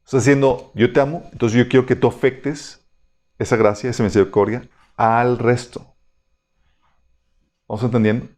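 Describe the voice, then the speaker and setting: A man's voice: mid-range voice, fairly even intonation, normal speed, pauses often, darkish tone. A man teaching a Bible study in a conversational way, reading passages aloud and often checking that his listeners follow.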